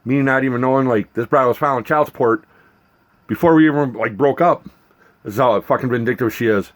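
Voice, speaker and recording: A man's voice: mid-range voice, a little fast. Male vlogger, mid register, airing a grievance off the cuff; indignant, profane, hammering each point. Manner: aggrieved, profane, emphatic, repetitive. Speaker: vlogger documenting a personal grievance. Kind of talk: unscripted personal rant.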